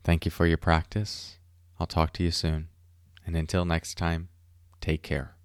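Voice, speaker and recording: A man hosting a mindfulness podcast, speaking close and intimately into the ear, calmly guiding reflection and reading poetry in a measured, unhurried way with deliberate pauses. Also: sits low, smooth, no echo. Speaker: podcast host and mindfulness teacher. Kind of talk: calm guided reflection and poem reading. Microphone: close mic in a dry space.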